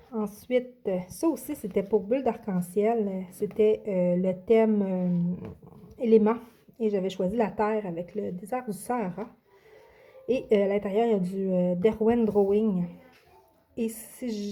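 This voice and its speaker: A woman's voice: medium pitch, steady tone, measured pace, dark tone. A woman, casually presenting her coloring books in a vlog, hesitant with many fillers and restarts. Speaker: adult coloring vlogger. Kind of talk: casual show-and-tell vlog.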